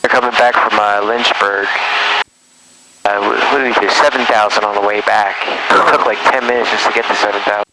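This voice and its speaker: A man's voice: lowish voice, steady tone, a little fast. A man training as a pilot, talking casually through an aviation headset in a small plane. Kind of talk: casual cockpit chat. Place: small aircraft cockpit in flight. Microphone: aviation headset intercom. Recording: loud engine noise on cockpit intercom.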